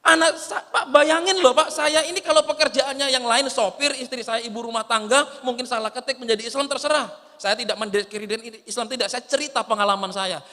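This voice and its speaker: A male pastor preaches in a high, bright voice. He moves between loud, lively exclamations and soft, low asides. His voice carries the long reverb of a large church hall. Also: fairly quick, few pauses. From Indonesia. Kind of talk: sermon.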